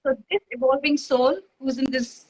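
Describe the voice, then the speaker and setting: A woman's voice: high voice, fairly even intonation, normal speed, a little mellow, breathy edge, rough recording. A woman from Dubai, a guest in casual chat, talking in a rambling, bubbly way full of fillers and restarts. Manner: rambling, bubbly, many fillers and self-corrections.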